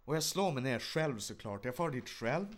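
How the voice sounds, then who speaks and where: Guy co-hosting a podcast, animated storyteller, mid pitch. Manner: animated anecdotes, acts out shouting. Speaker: podcast co-host. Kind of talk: casual chat, storytelling.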